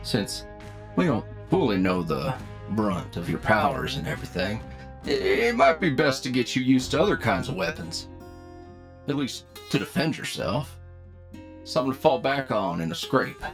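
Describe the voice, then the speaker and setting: In an anime-style audio roleplay, a man plays a wry, talkative bounty hunter team leader who is explaining things in a casual, folksy way with hesitant asides. His mid-range voice is very animated at a moderate pace. Music plays behind him.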